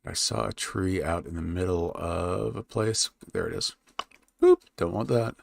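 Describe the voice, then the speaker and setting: A man live-streaming while he draws a fantasy map, thinking aloud and chatting with his viewers in a relaxed, rambling way. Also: sits low, measured pace, gravelly, no room sound. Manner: thinks aloud, muttering while he works, then perks up to talk to chat. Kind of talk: casual live-stream chat while working.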